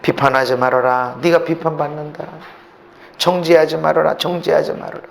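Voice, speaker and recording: A male pastor preaching a sermon in a church. He acts out the voices he quotes and climbs to shouting at his peaks. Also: a little high, flat delivery, normal speed, gravelly, slight background noise. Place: church sanctuary.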